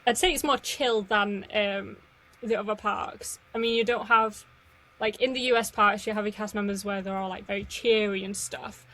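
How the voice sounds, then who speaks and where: A woman's voice: mid-range voice, fairly even intonation, normal speed, a bit bright, low-quality recording. Easygoing chatty woman. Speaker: podcast co-host. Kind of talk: casual chat.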